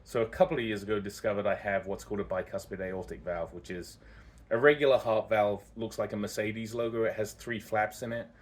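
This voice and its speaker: A man's voice: fairly low pitch, steady tone, brisk. A man telling his own story casually as a vlogger, candid and rambling, often correcting himself as he goes.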